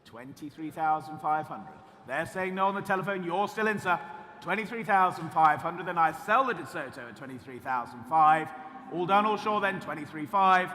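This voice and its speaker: A man's voice: a little high, lively intonation, normal speed, sharp tone. A man working as an auctioneer, calling and repeating bids in a clipped live sale patter. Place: large auction room at a motor festival. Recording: noisy, reverberant auction hall PA.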